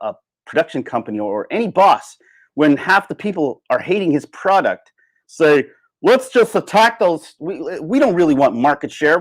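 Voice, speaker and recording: A man with a voice on the high side, no echo, hosts a casual livestream. He rants opinionatedly and emphatically in an informal way, leaning on repeated phrases to make his points, with the odd swear word.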